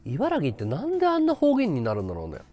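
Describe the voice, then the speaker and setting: Animated Japanese streamer, very lively pitch. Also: male voice, fast talker, soft background music. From Chiba, Japan. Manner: rambling, animated, laughing at his own stories. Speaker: live streamer. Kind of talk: casual chat with viewers.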